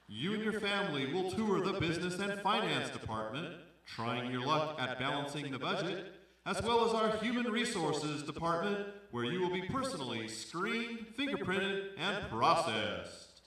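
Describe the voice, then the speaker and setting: A man's voice: a little high, sharp tone. Showy male prize announcer, heavy echo. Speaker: game show prize announcer. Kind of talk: mock-grand prize announcement. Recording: very echoey, from far off.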